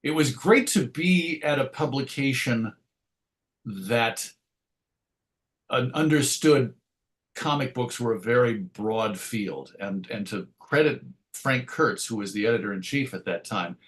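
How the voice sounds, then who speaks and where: A middle-aged comics writer and editor, interviewed casually, tells anecdotes in a chatty, wry way. His mid-range voice is animated and a little slow.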